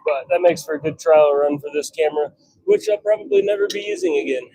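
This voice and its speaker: Working at the forge in his blacksmith shop, this man streams live while making knives, tossing off dry little remarks to viewers and himself as running commentary. He speaks a little high and fairly quickly in a warm tone, though the recording quality is low.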